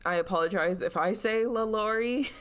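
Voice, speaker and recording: A woman's voice: lowish voice, unhurried. A young woman co-hosting a podcast, telling a story in a chatty, casual way with giggly asides.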